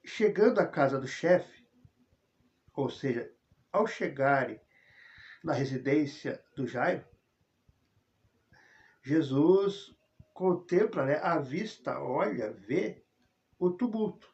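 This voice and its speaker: A man with a Brazilian Portuguese accent giving an informal Bible study, telling the story with animated emphasis. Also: a little high, slow, pauses often, lo-fi sound. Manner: animated storytelling, frequent "né", chuckles.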